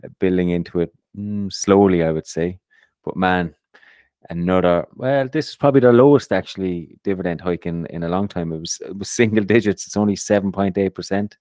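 A man hosting an investing podcast in a relaxed, casual way, often repeating his first words. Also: low-pitched, a little fast, dry recording, clean studio sound. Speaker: podcast host.

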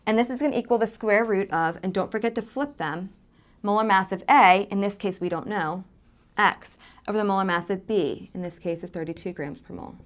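A woman in her thirties teaches chemistry at a whiteboard in a studio, walking through it step by step and using lots of fillers. Her voice is medium-pitched and fairly quick, picked up by a lapel mic.

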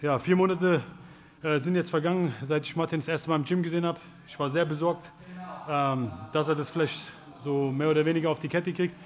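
A man's voice: fairly high pitch, fairly even intonation, a little fast, background noise. A man in his thirties, a fight coach, giving casual instruction and commentary. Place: large busy martial arts gym.

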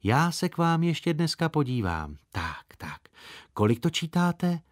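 A man's voice: on the high side, very animated, no room sound, studio quality, voice pushed up. A man playing a fussy bossy old-fashioned doctor. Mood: bustling. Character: fussy bustling small-town male doctor.

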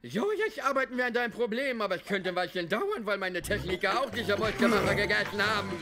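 A man's voice: sits high, lively intonation, fast, over music. An actor playing a smug, bumbling fat man who runs a lab crew, in a cartoon dub.

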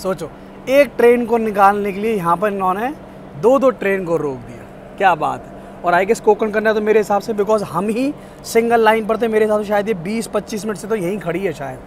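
A young adult man, a train travel vlogger, speaks a little fast in a fairly high voice, excited and chatty and addressing his viewers directly. He films himself on a phone held at arm's length in a train carriage and on an outdoor station platform for a casual travel vlog. Faint railway noise sits in the background.

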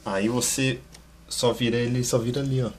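Guy unboxing a monitor, chatty and excited, roomy echo, bit far from the mic. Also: mid-range voice, normal speed, a little hiss or hum. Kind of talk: casual unboxing vlog.

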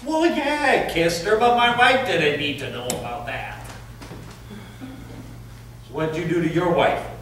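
An actor playing a crude, nosy, loudmouthed man on a park bench, rambling bluntly and vulgarly in a stage play. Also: fairly high pitch, lively intonation, slow pace, long pauses. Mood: prying. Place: stage performance. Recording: echoey, distant, faint hiss.

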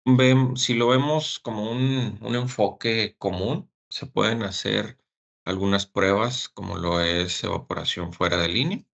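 Deep gravelly man. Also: fairly bright tone. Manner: halting, many fillers and repeated words. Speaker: technical service engineer. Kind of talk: technical webinar presentation.

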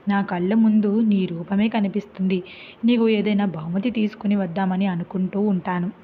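A woman voicing a gentle young husband earnestly confessing in a storybook tale, with a tinny phone-like sound. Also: mid-range voice, steady tone, normal speed, slight background noise, lightly acted. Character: young husband, gentle, loving, feigning madness.

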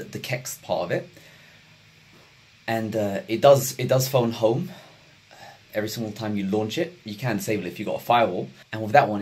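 This tech reviewer, a young man, speaks in a lowish, slightly rough voice as he vlogs casually from his indoor home desk surrounded by monitors. Looking into the camera, he's chatty and eager, his excitement sometimes making him loud and giddy.

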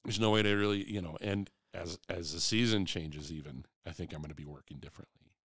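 Low male voice, reflective, candid, rambling, dry close sound. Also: brisk, a bit bright, no room sound. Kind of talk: casual chat.

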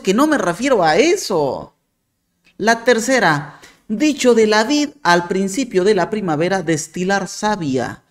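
A man delivers argumentative commentary straight to camera. He speaks slowly and with a sarcastic, mocking bite. His pitch rises and falls expressively as he presses his point. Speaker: video commentator.

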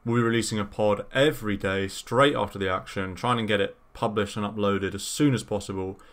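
A man with a fairly low voice chats as host of a casual gaming podcast. He talks enthusiastically and loosely, full of "like" and "I feel like". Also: fairly even intonation, a little fast, fairly bright tone. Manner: chatty and enthusiastic, many fillers.

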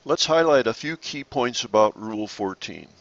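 Low gravelly guy walking thru sailing rules slides, measured and explanatory, kinda dull lo-fi mic. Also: expressive. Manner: measured, explanatory, occasional restarts. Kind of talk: slide-based narrated lesson.

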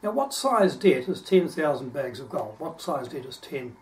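A man's voice: on the high side, very animated, moderate pace. A man preaching a sermon, reading scripture aloud and stopping to explain verses in an earnest teaching manner. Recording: distant microphone.

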